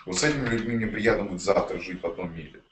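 A man's voice: on the low side, rapid-fire. A man chatting casually to viewers and reading messages aloud, blunt and given to swearing. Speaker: promoter of an online investment project. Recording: roomy, distant mic, light background noise.

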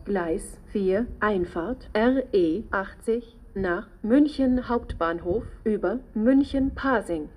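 A woman reading railway platform announcements in a flat, formulaic way, in pieced-together phrases. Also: medium pitch, slow, few pauses, slight background noise.

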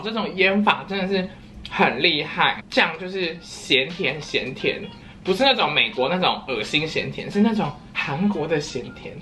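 A woman's voice: fairly low pitch, fairly bright tone, slight background noise. A young woman, chatting playfully in a casual eating vlog at home and breaking into silly sing-song voices. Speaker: vlogger.

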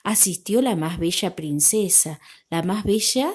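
A woman's voice: lowish voice, animated, a little slow, breathy edge. A woman voicing a boastful young stepsister in a storybook, bragging about the evening.

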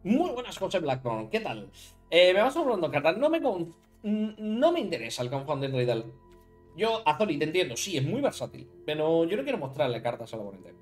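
A man's voice: fairly high pitch, huge pitch swings, brisk, soft background music. A man from Spain with a Spanish accent, chatting casually on a live stream while building a card deck and talking to viewers. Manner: chatty, thinks aloud, talks to chat viewers by name.

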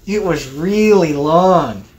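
A woman narrating a homemade train story in an unhurried, sing-song way. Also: low voice, expressive, darkish tone, a little hiss or hum.

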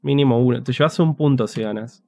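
A man with a Rioplatense Spanish accent commentates a game on a live stream, chatting and joking with his chat in casual gameplay commentary. His mid-range voice is a little mellow and fairly quick, captured in studio quality with no echo.

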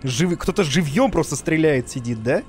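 A man in his thirties doing casual live game commentary, joking and swearing as he reacts out loud. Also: on the high side, expressive, normal speed. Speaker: game streamer. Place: indoor room, streaming setup. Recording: music and game sounds behind. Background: game music and effects.

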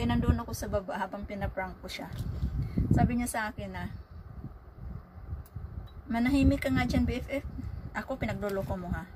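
A woman vlogger from the Philippines, telling a prank story in a chatty, animated way in her bedroom. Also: a little high, very noisy. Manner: chatty, animated retelling with laughter. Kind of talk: casual storytelling vlog.

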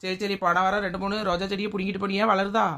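A woman's voice: mid-range voice, little pitch movement, fast talker, pushed and bright. A woman, playing a grumbling, sarcastic sister-in-law in a family comedy skit. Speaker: comedy sketch performer.

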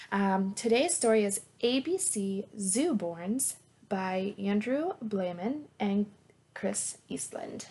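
With a medium-pitched, slightly mellow voice, a woman in her thirties reads a picture book aloud to young children as their teacher. She's encouraging and sing-song, asking simple questions and praising them. She records in a small plain room at home via a webcam or laptop mic at arm's length.

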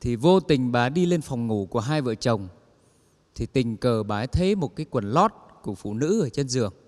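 A man's voice: medium pitch, normal speed. A man telling funny stories on stage and acting out the people in them. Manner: lively storyteller acting out quoted characters. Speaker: comedian telling jokes on stage. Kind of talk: stand-up joke telling. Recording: long hall reverb.

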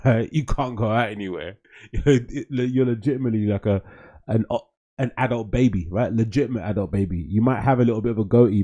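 A young British man hosting a podcast, rambling casually at home into a boom-arm mic, with rhetorical "right?" asides. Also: warm tone. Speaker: podcast host. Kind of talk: casual monologue. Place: small room at home with bookshelf. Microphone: studio mic on boom arm.

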